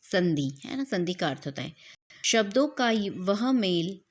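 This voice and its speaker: A woman's voice: mid-range voice, sing-song, a little slow. A woman teaching grammar in a classroom-style lesson, repeating each point and asking questions she then answers, with English words mixed in. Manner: mixes English words into Hindi.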